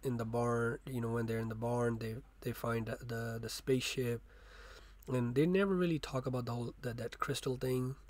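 A man talks through a casual review in a loose, rambling way, stopping and restarting often. His voice sits at an ordinary middle pitch for a man. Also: fairly even intonation, moderate pace, a little mellow, no room sound. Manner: rambling, many fillers and restarts.

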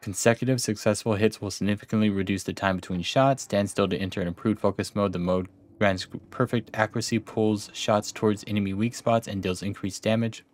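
Brief: low-voiced let's-play host, casual and chatty. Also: male voice, steady tone, fairly quick, hardly any pauses, no room sound. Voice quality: laid-back, chatty, thinking aloud. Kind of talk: casual gameplay commentary.

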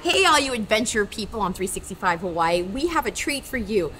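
A woman's voice: medium pitch, brisk, over loud music, poor audio. A woman hosting a local vlog, interviewing business owners in a casual, upbeat way with plenty of ums. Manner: upbeat, chatty, many ums. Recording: camera audio with steady background noise.

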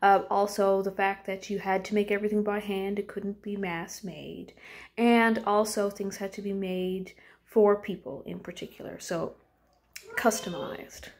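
A woman teaches an informal lesson from home, her voice sitting at an ordinary middle pitch. She speaks loosely and conversationally, filling pauses with um and uh. She keeps asking her listeners questions as she goes. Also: steady tone, a little mellow. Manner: conversational, poses questions to students, frequent um and uh.

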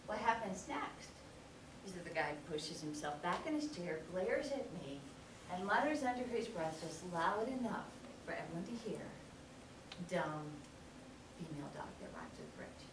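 A middle-aged woman with a lowish voice gives an animated storytelling lecture as a guest speaker, frequently checking in with the audience by asking "okay?" The audio comes from an echoey hall with a distant mic and background noise.

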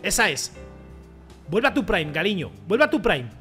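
A young man streams his football game with a very high voice. He mutters complaints, then bursts into shouts at every goal and miss. Music plays faintly behind him. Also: very animated, moderate pace. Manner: rants, pleads and shouts at the game, swings from mutters to yells. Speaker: gaming streamer. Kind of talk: excited gameplay commentary.

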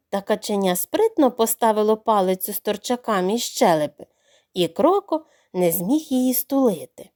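A woman narrating a children's audio fairy tale in an expressive storybook reading. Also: high voice.

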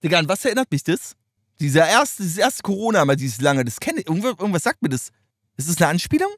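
A man's voice: high-pitched, sing-song, fast, a bit bright, dry recording, studio quality. A man giving loose, slangy reaction commentary, chatting and laughing often. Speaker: streamer reacting to rap videos.

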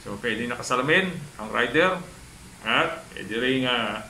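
A man talking through a cloth mask while reviewing a motorcycle helmet, speaking slowly with lots of pauses and asking "okay?" often. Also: mid-range voice, animated, sharp tone. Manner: slow, halting, checks in with "okay?". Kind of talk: casual product demonstration. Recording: echoey room with faint ambient noise.

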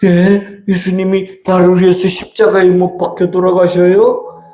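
A high-pitched, whiny little boy puppet, unhurried and pleading. It plays out in an echoey church hall with faint noise behind. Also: completely flat delivery, mellow. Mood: wondering. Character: naughty young boy puppet, fearful then repentant. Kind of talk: children's church puppet show. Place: church hall, live show.

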